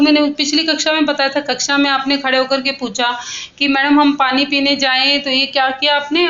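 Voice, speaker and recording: A woman with a high voice teaches Sanskrit grammar to schoolchildren, drilling verb forms and answering her own questions. She speaks to the pupils with affection and has them repeat after her. The recording sounds a little dull and muffled. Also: fairly bright tone. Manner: affectionate, addresses pupils as "beta". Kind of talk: online grammar lesson for children.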